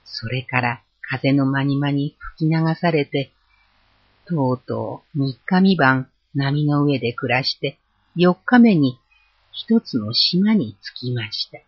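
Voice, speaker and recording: A storyteller reading a folk tale aloud with an expressive, varied delivery. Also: mid-range voice, slow pace, husky, no echo. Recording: dull lo-fi recording.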